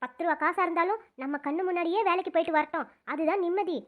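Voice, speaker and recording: A woman voicing a worried older father in a cartoon, low and grumbling. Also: fast, narrow, tinny audio.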